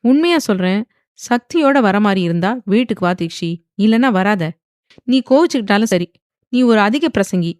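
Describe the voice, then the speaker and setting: A woman's voice: medium pitch, lively intonation, moderate pace, darkish tone, dry recording, clean studio sound, close to an everyday voice. A woman voicing a patient middle-aged mother who firmly lectures her daughter. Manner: firm, lecturing.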